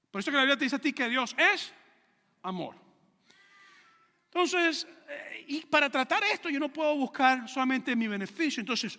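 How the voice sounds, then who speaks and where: A middle-aged male pastor preaching a sermon, animated, asking his listeners rhetorical questions and acting out stories. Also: very high voice, big-room sound. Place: church sanctuary.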